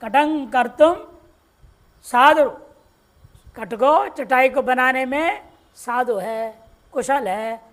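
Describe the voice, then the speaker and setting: Woman teaching sanskrit grammar, pretty high voice, draws out each word form slowly. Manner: slow, drawn-out recitation of word forms; explains patiently. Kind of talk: classroom lecture, recitation. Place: ashram classroom.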